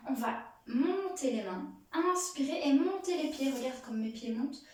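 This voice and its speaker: A woman's voice: sits high, lively intonation, normal speed, darkish tone. A young adult woman teaching a playful yoga lesson to children, with a sing-song manner that speaks straight to the child. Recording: echoey room, voice from far off.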